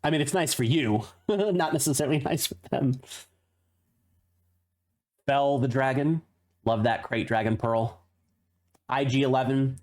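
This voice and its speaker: A mid-pitched man talks his way through a pack opening. He reads card names in quick bursts and fills the gaps with casual, chatty asides. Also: darkish tone. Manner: laughs at his own tongue-twisters. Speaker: streamer opening card packs. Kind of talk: casual unboxing commentary.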